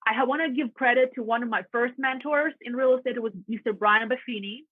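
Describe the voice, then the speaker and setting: On a casual podcast interview, a thirty-something realtor guest from Latvia, with a Russian accent, shares her story earnestly and chattily. She talks fast in a slightly high voice with fairly even intonation and a breathy edge. The tinny, phone-like line is dry, with no room sound.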